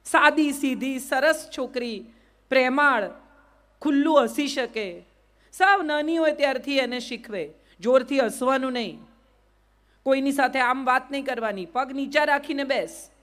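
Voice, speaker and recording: A woman's voice: high-pitched, moderate pace, fairly bright tone. A middle-aged woman, giving a motivational talk to a live audience and often asking them to answer yes or no. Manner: questions the crowd and asks them to answer yes or no. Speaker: motivational speaker.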